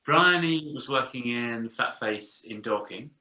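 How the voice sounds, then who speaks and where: A man from England answers interview questions about his band, unhurried and easygoing. His speech is slow and drawn out, with a bright, forward edge. The voice sits in a noticeably echoey room. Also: mid-range voice, lively intonation. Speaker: band member. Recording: roomy echo.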